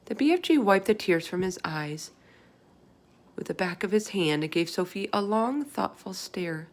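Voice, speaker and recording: A woman's voice: medium pitch, animated, normal speed. A woman reading a children's book aloud as its narrator. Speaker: storybook reader.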